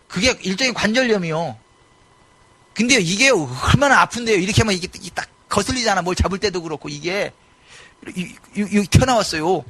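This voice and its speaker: A middle-aged male pastor preaching a sermon in a church, animated and given to sudden loud exclamations. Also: on the high side, husky. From South Korea. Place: church sanctuary.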